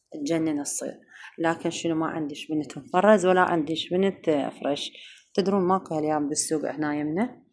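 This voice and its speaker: A woman's voice: sits low, a little mellow, slight background noise. A woman with an Iraqi accent chatting to her viewers in a casual home cooking vlog, calling them girls and sweethearts. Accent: Iraqi Arabic. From Iraq.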